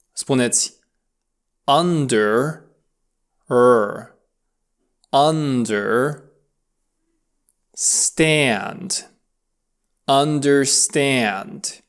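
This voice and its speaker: Man teaching English pronunciation. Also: medium pitch. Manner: slow, drawn-out model words between brisk instructions. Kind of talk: audio language lesson.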